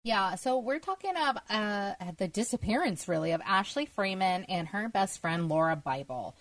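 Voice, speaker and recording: A woman's voice: medium pitch, expressive, moderate pace, dry recording, distant mic. A woman hosting a podcast, recapping a case in a chatty, storytelling way with casual fillers. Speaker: podcast host.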